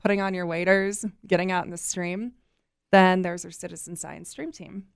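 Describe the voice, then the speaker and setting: Upbeat, chatty woman, gravelly voice. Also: lowish voice, steady tone, moderate pace, no echo, studio quality. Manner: upbeat and chatty, laughs easily. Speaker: guest, nonprofit communications coordinator. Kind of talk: casual interview chat.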